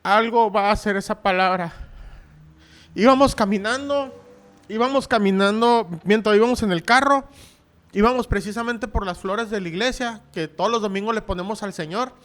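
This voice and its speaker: In a high, brisk voice, a male pastor preaches by recounting a personal story, voicing each character himself and climbing into shouts as it unfolds.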